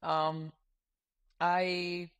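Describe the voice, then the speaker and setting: A man in his thirties from Ecuador, a startup founder talking as a podcast guest in a relaxed, earnest way with frequent fillers. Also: high-pitched, extremely slow, clear, resonant tone. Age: 30s. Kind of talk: casual interview talk.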